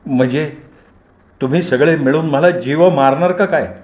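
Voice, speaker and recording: A man's voice: fairly high pitch, normal speed, a little mellow, lightly acted. A man voicing a frightened, pleading corrupt male official in a storybook reading. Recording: roomy echoey recording.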